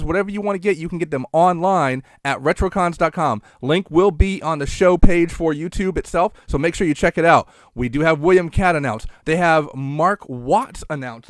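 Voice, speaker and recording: A man's voice: a little high, no echo. A man hosting a casual live online show, chatting in a folksy showman's way and plugging sponsors to his viewers.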